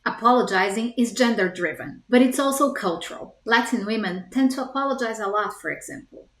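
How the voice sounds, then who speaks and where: A woman's voice: a little high, brisk, a bit bright, echoey room. A woman from Brazil with a Brazilian Portuguese accent, a storytelling coach talking earnestly and conversationally to the camera, often asking the viewer direct questions. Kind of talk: scripted talking-to-camera vlog.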